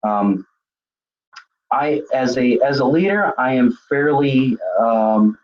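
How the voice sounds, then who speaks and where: A man presents a web seminar lecture on leadership communication, talking conversationally with lots of fillers and self-corrections. His mid-range voice is expressive and slow-paced, and the recording sounds muffled.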